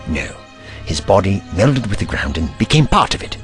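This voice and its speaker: A man's voice: sits low, sing-song, moderate pace, fairly bright tone, faint music behind. A man playing a curious, kindly, slightly pompous Doctor with formal, theatrical courtesy in an audio drama. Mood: calm, courteous.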